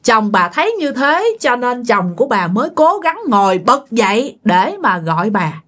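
A woman's voice: fairly high pitch, big pitch swings, moderate pace, a bit bright. A woman, narrating a ghost story in a conversational way, addressing listeners directly.

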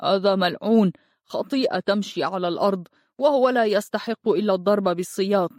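Woman doing a husky, hateful village bully. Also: medium pitch, quick pace, a little mellow, no echo, studio quality, close to an everyday voice. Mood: contemptuous. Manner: contemptuous, angry.

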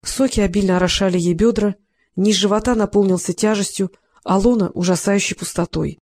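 An audiobook narrator reading a romance novel in a steady, expressive way. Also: medium pitch, a little fast.

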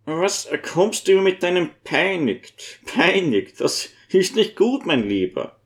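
A man voicing a gentle old priest who speaks in a mild, coaxing, earnest way. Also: high-pitched, very animated, slow pace, pitched above the performer's own voice, heavily acted. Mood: reasoning. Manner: soothing, earnest, coaxing questions.

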